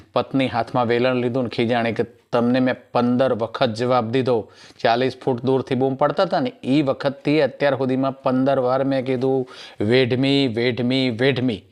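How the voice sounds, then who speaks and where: A man's voice: medium pitch, darkish tone. A male comedian, telling jokes in a rustic storyteller manner and acting out each character. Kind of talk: stand-up joke telling.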